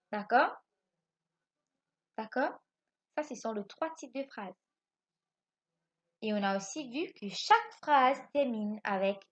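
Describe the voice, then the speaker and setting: A woman teaching French grammar to young children in a recorded lesson, asking questions and answering them herself. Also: a little high. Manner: lively, repeats points, asks questions and answers them herself. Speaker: primary school French teacher.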